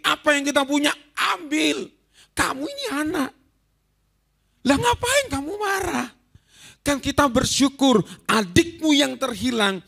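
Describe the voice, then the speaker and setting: A man's voice: very high voice, gravelly, bright, forceful tone, voice pushed up, heavily acted. A man preaching voices a kindly, indulgent old father.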